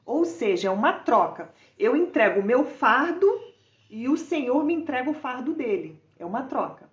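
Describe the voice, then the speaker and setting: A woman's voice: high voice, sing-song, moderate pace, echoey room, dull audio. A Brazilian woman and mother giving an informal, conversational sermon, asking listeners rhetorical questions. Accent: Brazilian Portuguese. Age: adult mother.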